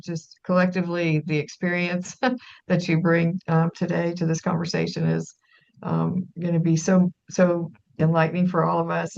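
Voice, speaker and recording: A woman with a lowish voice moderates a video call panel in a warm, welcoming manner. The sound is muffled and lo-fi. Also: creaky. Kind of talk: hosting a panel chat.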